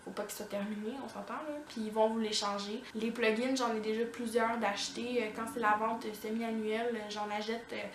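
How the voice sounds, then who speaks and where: A woman's voice: fairly high pitch, flat delivery, brisk, few pauses, a little hiss or hum. A woman with a Québécois accent reviewing finished products in a casual vlog, chatty and full of "euh" fillers. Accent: Québécois French. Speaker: beauty vlogger. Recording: echoey room.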